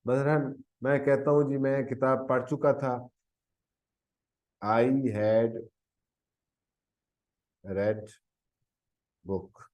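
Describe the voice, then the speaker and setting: Speaking very slowly and pausing often, this man has a mid-range voice and a steady tone. He's an English teacher with a Pakistani Urdu accent giving a lesson on tenses, coughing frequently, fixing his own mistakes, and asking "theek hai ji." The sound is lo-fi.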